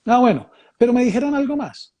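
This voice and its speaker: A man's voice: very high voice, lively intonation, brisk, darkish tone, muffled recording. A man, born in Mexico and raised in Colombia, thoughtfully explaining ideas in a conversation, often rephrasing and repeating phrases. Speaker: speaker leading a reflective conversation.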